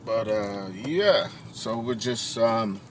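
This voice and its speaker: A man's voice: lowish voice, lively intonation, slow, slight background noise. A man driving a car, chatting and teasing his passenger with mock-serious questions. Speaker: comedy host, driver. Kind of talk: casual comedic chat. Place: inside a car in city traffic.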